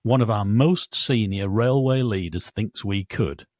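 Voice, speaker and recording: A man's voice: on the low side, measured pace, dry recording, clean studio sound. A British man hosting a railway podcast, bantering and reading listener mail in a jovial, self-deprecating way. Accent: British English. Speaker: podcast host.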